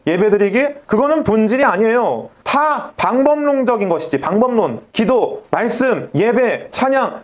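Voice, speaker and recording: High-voiced Korean pastor preaching. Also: male voice. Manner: rhetorical questions, addresses congregation directly; acts out quoted voices within the sermon. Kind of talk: sermon.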